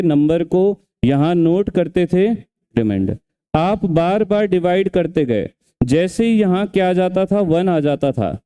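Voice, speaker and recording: High, mellow-voiced male teacher. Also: clean tone. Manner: questioning, scolding, repeats steps. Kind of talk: exam revision lecture.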